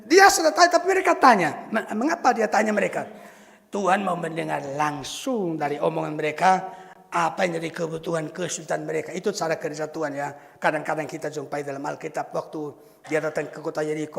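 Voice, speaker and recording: A man preaching a sermon as a pastor, lively, acting out the voices of Bible figures and chuckling at his own jokes. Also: on the high side, fairly quick, vocal fry. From Indonesia. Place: church sanctuary. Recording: long church reverb.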